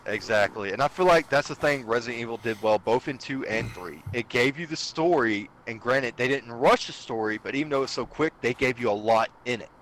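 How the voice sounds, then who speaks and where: A man's voice: mid-range voice, a little fast, hardly any pauses, fairly bright tone, a little hiss or hum, rough recording. A man guesting on a casual podcast, talking eagerly and explaining things at length. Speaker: guest streamer.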